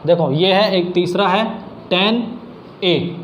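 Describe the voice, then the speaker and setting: A man whose voice sits high speaks at a slow pace while teaching math in a casual classroom style. He goes through the steps one by one, mixing English math terms into his talk, in an echoey room with faint background noise.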